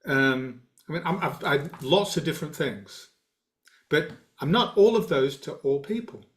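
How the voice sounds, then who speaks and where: A man who guides a meditation community, answering a question in a measured, reflective way with frequent pauses and fillers. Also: fairly high pitch, animated. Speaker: guiding teacher of a meditation community. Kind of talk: dharma talk Q&A.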